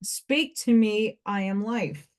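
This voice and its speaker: A woman reading the part of a male spirit of life who weighs mortals, in a measured, ceremonial recitation. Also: medium pitch, close to an everyday voice. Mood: solemn.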